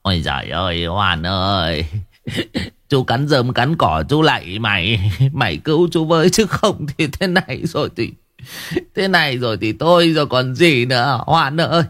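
Man playing a panicked older villager; stammering pleas that leap up in pitch, dry close mic. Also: very animated, moderate pace, fairly bright tone, dry recording. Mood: panicked pleading. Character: terrified older male villager pleading.

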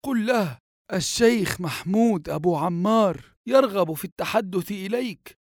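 A man's voice: high-pitched, lively intonation, moderate pace, no echo, studio quality, voice pushed up. A man voicing a worried, stern old grandfather in an audiobook, speaking firmly. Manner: firm, anxious pleading.

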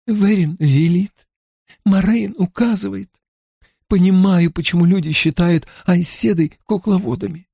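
A man's voice: fairly high pitch, mellow, breathy edge, no room sound, studio quality, voice pushed up. A man voicing a frustrated, outspoken young noblewoman in a nasal whisper.

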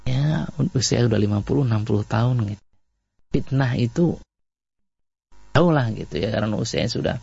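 Indonesian male preacher, husky and gravelly tone, dull lo-fi recording. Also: medium pitch, moderate pace, pauses often, dry recording. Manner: repetitive, animated storytelling with acted quotes. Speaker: Islamic preacher. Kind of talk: radio-style sermon on marriage.

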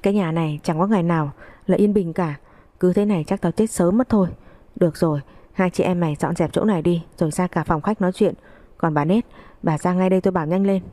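A woman reading the part of a stern elderly father-in-law who gives gruff orders, in a storybook narration. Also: fairly low pitch, fast, warm tone, dry recording, close to an everyday voice. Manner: gruff, commanding.

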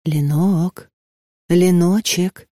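A reader voicing a stout middle-aged aunt who coaxes in a hushed whisper full of endearments. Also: female voice, on the low side, animated, a little slow, no echo, studio quality. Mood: coaxing.

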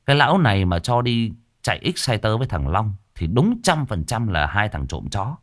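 A man voicing a blunt young man who grumbles and curses in a low voice. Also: very animated, normal speed, a bit bright. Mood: grumbling.

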